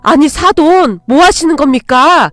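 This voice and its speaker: A woman's voice: fairly high pitch, normal speed, no room sound, natural voice. A woman voicing a stern but loving older mother-in-law, firm with intruders and tender with her daughter-in-law.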